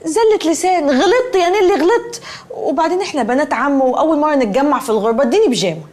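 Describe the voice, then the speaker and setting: A woman's voice: high voice, animated, rapid-fire, darkish tone. An actress playing a chatty, scatterbrained young woman in a TV comedy, with an Egyptian accent and a wheedling, sing-song manner. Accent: Egyptian Arabic. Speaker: sitcom character. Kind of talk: TV comedy acting.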